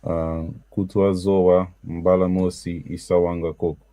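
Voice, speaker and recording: Very deep, dark, flat-voiced man reading slowly. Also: no room sound. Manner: slow, flat reading of single words. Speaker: student.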